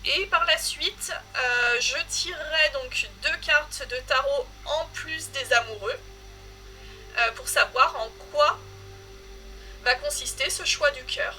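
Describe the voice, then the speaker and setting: A woman giving a casual tarot reading, unhurried and hesitant, with frequent fillers. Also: sits high, sharp tone, faint music behind. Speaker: tarot reader.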